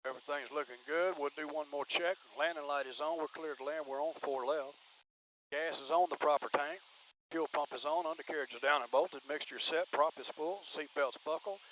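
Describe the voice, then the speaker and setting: A man flying a small plane, making radio calls and calmly reading his landing checklist aloud through a cockpit headset mic. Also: a little high, fairly quick. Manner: calm, methodical checklist recital. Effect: cockpit headset intercom. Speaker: private pilot. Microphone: headset boom mic. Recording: muffled headset audio, faint engine noise.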